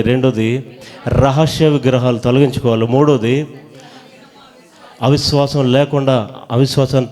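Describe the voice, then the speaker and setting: A man preaching a sermon in a church hall, pressing the congregation to call back their answers loudly. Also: mid-range voice.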